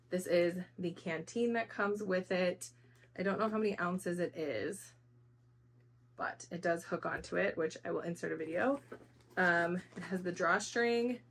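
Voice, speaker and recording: A woman's voice: lowish voice, bright, forceful tone, a little hiss or hum. A woman hosting a casual product review, talking informally and conversationally as she explains things to viewers.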